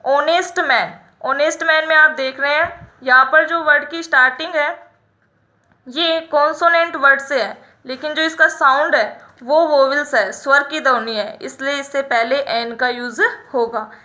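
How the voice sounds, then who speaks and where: A woman teaching English grammar in a lesson, explaining each example slowly and repeating the rule. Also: high-pitched, steady tone, pushed and bright. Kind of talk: classroom-style grammar lesson.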